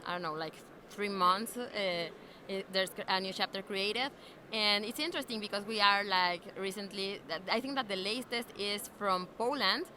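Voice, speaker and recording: A woman with a Mexican Spanish accent, her mid-pitched voice bright and upbeat, chatting with easy "like" fillers. A faint hum of a convention floor is behind her. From Mexico City. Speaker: interviewee, alliance member. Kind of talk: casual interview chat. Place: busy convention venue.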